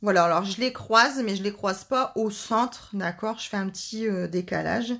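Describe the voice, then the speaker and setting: A woman's voice: mid-range voice, moderate pace, creaky, a bit bright. A woman hosting a casual live card-making demonstration, chatting and joking with her viewers as she works.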